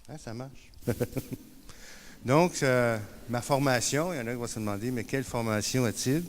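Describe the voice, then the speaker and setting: A man with a Quebec French accent giving a conference talk, self-deprecating and halting with many fillers. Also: mid-range voice. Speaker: conference speaker. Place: conference room.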